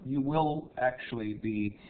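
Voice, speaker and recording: A man's voice: mid-range voice, a little slow, clear, resonant tone. A man hosting a casual TV interview, asking friendly questions with frequent "uh" restarts. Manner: chatty, asks questions with many "uh" restarts. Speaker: TV show host interviewing a cheese maker. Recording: tinny, phone-like lo-fi sound.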